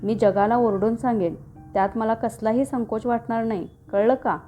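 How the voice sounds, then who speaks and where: A woman voicing a lively, affectionate teenage daughter in a storybook reading, eager and bright in manner. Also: a little high, normal speed, highs cut off, faint music behind, natural voice.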